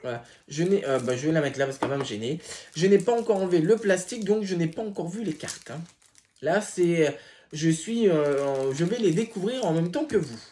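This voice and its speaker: A man's voice: on the high side, lively intonation, fairly quick, warm tone, a little hiss or hum. A man hosting his tarot channel, chatting casually as he unboxes a deck, hesitant with many filler sounds and apologetic asides.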